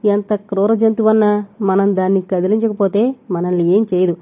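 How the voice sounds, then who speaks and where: A woman's voice: medium pitch, steady tone, moderate pace, dark tone, muffled recording, natural voice. A woman doing a protective young husband. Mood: cautioning. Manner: cautioning, protective. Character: husband, caring man warning his wife.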